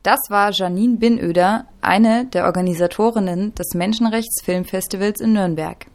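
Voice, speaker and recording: Medium-pitched woman hosting youth radio. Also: normal speed. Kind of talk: scripted radio presenting.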